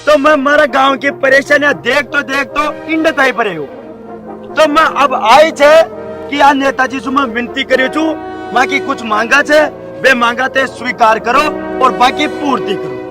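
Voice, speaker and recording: An actor playing a stubborn male village headman with a Rajasthani accent who pleads and shouts demands at a politician. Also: extremely high pitch, moderate pace. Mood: complaining. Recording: background music and crowd noise.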